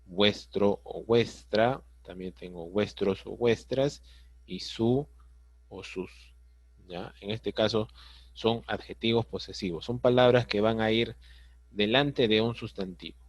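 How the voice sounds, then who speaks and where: Male teacher, slow deliberate pace, close dry mic, patient explaining. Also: lowish voice, dry recording. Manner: patient, explains step by step, frequent checks like "¿sí?" and "¿ya?". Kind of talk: online grammar lesson.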